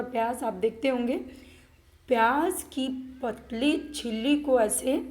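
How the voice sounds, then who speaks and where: A woman teaching a school lesson, often asking the class questions and repeating her points. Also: high voice. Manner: slow, repeats questions to students.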